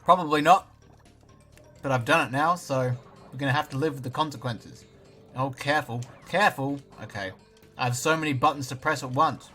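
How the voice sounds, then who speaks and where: A young man with an Australian accent narrates his gameplay in a casual, dry, self-mocking way. His voice sits mid-range but has a bright, forceful edge. Faint game music plays behind him. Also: medium pitch, a little fast. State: talking with a mouth full of banana at times. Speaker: gaming YouTuber. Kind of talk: casual let's-play commentary.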